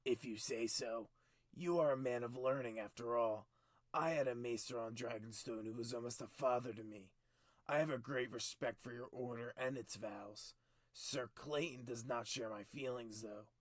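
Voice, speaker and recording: A man voicing a stern, cold middle-aged king who talks in clipped, forceful commands, higher and louder than his narration. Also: moderate pace, no echo, close to an everyday voice. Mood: cold, commanding.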